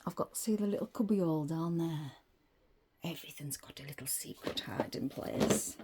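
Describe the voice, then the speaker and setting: A woman's voice: low voice, moderate pace, very noisy. A woman giving a casual tour of her craft room, rambling as she lists her supplies, a little out of breath. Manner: chatty, rambling, listing items as she goes. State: slightly out of breath. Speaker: crafting vlogger. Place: small craft room indoors.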